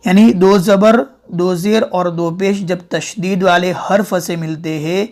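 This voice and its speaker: A man teaching Quran reading step by step, repeating each example slowly and drawing out the sounds. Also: high-pitched, steady tone, a little mellow. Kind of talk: step-by-step tajweed lesson.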